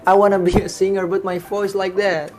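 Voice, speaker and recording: A man's voice: high-pitched, flat delivery, fairly quick, darkish tone, soft background music. A man from Indonesia, casually chatting and teasing strangers over a video call. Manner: playful, teasing, laughs at his own jokes. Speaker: host singing to strangers on video chat. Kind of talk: casual video-chat banter.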